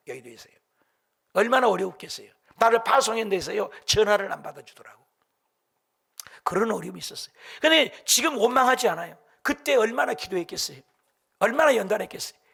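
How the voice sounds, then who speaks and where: A man's voice: high voice, lively intonation, fast talker, gravelly, fairly bright tone, breathy edge. A middle-aged man preaching a sermon as pastor, impassioned and dramatic, firing rhetorical questions at the congregation.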